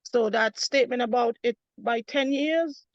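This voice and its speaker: High-voiced Kittitian woman, insistent. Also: moderate pace, no echo. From Saint Kitts. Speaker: course participant, fruit grower. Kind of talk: live question-and-answer on an online class. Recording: dull, dry online-call audio.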